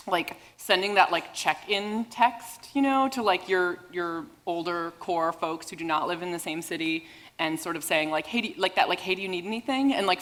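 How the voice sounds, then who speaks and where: A woman's voice: on the low side, a bit bright. Woman co-host musing on stage. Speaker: podcast co-host. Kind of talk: live podcast Q and A. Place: event stage before an audience.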